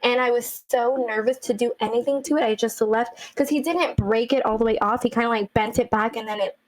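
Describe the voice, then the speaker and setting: A woman's voice: fairly high pitch, a little fast, dry recording, poor audio. Chatty young woman podcast host, dry sound. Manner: chatty, animated storyteller with many "like" fillers. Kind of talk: casual chat.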